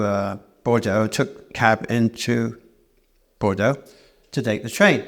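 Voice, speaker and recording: Brief: male cabaret storyteller, mid-pitched, meandering self-deprecating stage yarn, live in a church. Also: gravelly. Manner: rambling and self-deprecating, with many restarts. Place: church hall, live performance.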